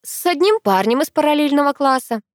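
A woman voicing a brash, teasing teenage girl with loud, mocking, slangy talk, in an audiobook reading. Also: sits high, animated, fairly quick, no echo, clean studio sound, voice pushed up.

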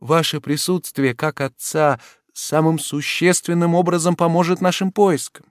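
A man's voice: fairly high pitch, little pitch movement, moderate pace, clear, resonant tone, no room sound, clean studio sound, pitched above the performer's own voice, close to an everyday voice. A man reading an audiobook voices a young noble lady, earnest and pleading. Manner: pleading, exclamatory.

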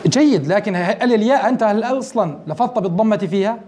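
Sheikh teaching grammar. Very high voice, quick delivery, explains step by step and quizzes his students. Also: animated, a little mellow, a little hiss or hum. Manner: explains step by step, asks the class questions. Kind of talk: classroom grammar lesson.

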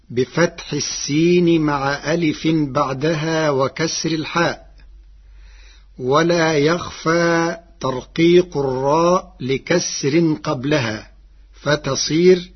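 A man calmly explaining variant Quran readings in a measured radio lecture. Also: a little high, slightly rough. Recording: lo-fi old radio broadcast.

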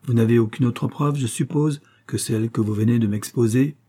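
A man playing an energetic, impatient detective who speaks in brisk, scolding exclamations. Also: mid-range voice, close to an everyday voice.

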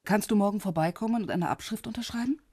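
This radio-drama actress portrays an intelligence officer who stays composed and businesslike, speaking in a discreet, matter-of-fact, measured way. Husky yet mellow and mid-range, her voice stays close to everyday speech, captured dry at studio quality.

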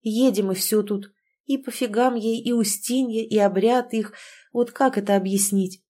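A woman giving an expressive, conversational audiobook narration with an intimate storytelling manner. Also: fairly high pitch, moderate pace.

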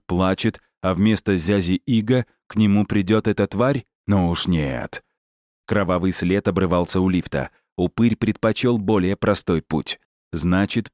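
A man narrates a novel in steady, measured scripted narration. His voice sits low and the sound is dry and close, with no room around it. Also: no room sound. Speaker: audiobook narrator.

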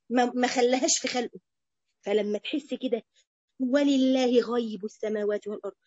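A woman with an Egyptian accent giving an animated, conversational religious lecture to a women's group, speaking straight to her listeners. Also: sits high, no room sound. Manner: animated and conversational, addresses the audience directly. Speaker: religious teacher. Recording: dull lo-fi dry recording.

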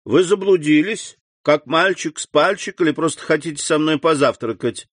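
Audiobook role: man reading ironic newspaperman; animated, surprised questions; raised pitch; dry recording. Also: moderate pace, no echo, natural voice. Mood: lively. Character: male newspaper journalist, lively and ironic.

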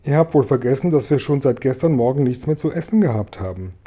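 A man's voice: lively intonation, fast, dark tone, lightly acted. A man voicing a gloomy, complaining blind earthworm in a storybook reading. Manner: complaining, shrill outbursts. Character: gloomy blind male earthworm, shrill and whiny.

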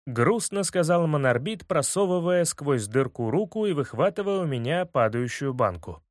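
High-voiced man reading an audiobook. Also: moderate pace, no echo, studio quality. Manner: lively, expressive storytelling. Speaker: audiobook reader. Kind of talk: scripted audiobook narration.

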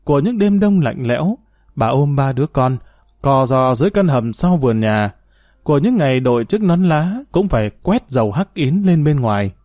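A man reading a serialized story aloud in a calm, measured, formal storytelling manner as the program's host. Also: mid-range voice, no echo, clean studio sound. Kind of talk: scripted story narration.

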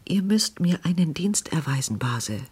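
A reader voicing a feverish young woman, hushed. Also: mid-range voice, lively intonation, slightly rough, voice pushed up. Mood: urgent whisper. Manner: hushed, hurried pleading. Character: feverish sick young woman, urgent and weak.

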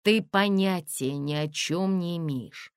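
A woman's voice: fairly low pitch, slow, clear, resonant tone, dry recording, clean studio sound. A woman reader voicing a frightened young woman in hiding who speaks in a grim, tense mutter.

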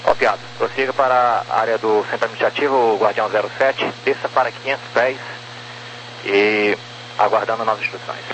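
A man's voice: fairly low pitch, steady tone, brisk, fairly bright tone, poor audio. A man with a Brazilian accent giving clipped, procedural air traffic instructions over two-way radio, reading out numbers digit by digit. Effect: two-way radio transmission.

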